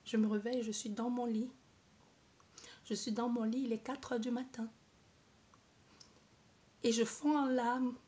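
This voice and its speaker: A woman speaking to camera in a personal, halting way, often repeating herself and searching for words. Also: on the high side, level tone, mellow. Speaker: vlogger.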